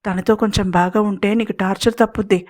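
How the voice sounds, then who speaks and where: A woman voicing a naive, soft-hearted young male henchman who speaks in a Godavari district dialect in a hushed, pleading way. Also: mid-range voice, steady tone, brisk, natural voice. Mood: hushed, worried.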